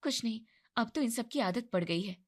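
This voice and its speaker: A woman's voice: a little high, animated, moderate pace. A woman voicing a tired, put-upon young wife who sounds weary and resentful, in a storybook narration.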